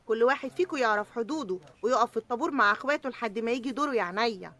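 A woman plays a sassy, streetwise ration card who scolds the others. Her voice sits high and moves quickly. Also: heavy background noise, natural voice. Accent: Egyptian.

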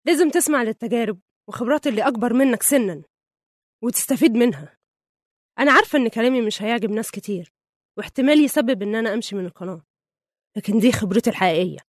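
An earnest young woman saying goodbye to her viewers, as an actress plays her, with an Egyptian accent. Her voice is fairly high and quick, recorded dry. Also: animated, no room sound. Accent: Egyptian Arabic. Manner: earnest, confessional.

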